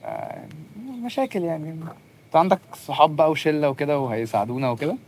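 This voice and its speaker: A man's voice: fairly high pitch, huge pitch swings, quick pace, darkish tone. A man with an Egyptian accent in a comic sketch, talking in a gushing, pushy way and repeating himself over and over. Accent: Egyptian Arabic. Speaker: overeager stranger in a comedy sketch.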